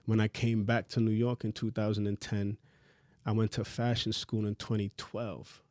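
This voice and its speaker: A man in his thirties from Trinidad, a fashion designer telling his story in a relaxed, candid, slangy podcast chat. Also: on the low side, normal speed, dry recording, clean studio sound. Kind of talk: casual interview chat.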